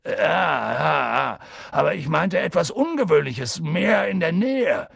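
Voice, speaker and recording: A man reading as a gruff giant gamekeeper, wary and short-tempered, his voice gravelly and husky. The reading is close and dry, with no room around it. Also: fairly high pitch, lively intonation, normal speed, no room sound, pitched above the performer's own voice, exaggerated voice. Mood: impatient. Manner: grumbling, then loud and pressing. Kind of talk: audiobook character voice.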